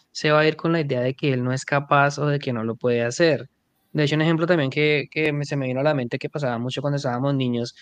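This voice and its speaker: A male podcast host with a voice a bit higher than most men's. The recording is dry and close, with little sound of the room. He chats easily and adds his own childhood anecdotes. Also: no echo. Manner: conversational, agreeing and adding childhood anecdotes. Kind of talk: podcast interview conversation.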